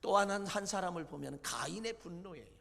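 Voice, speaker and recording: A man preaches a sermon with a high, bright voice roughened by gravel. He retells scripture dramatically, swinging from loud peaks to low, hushed lines. The sound carries the long reverb of a church hall. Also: lively intonation, a little fast. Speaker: pastor. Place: church sanctuary.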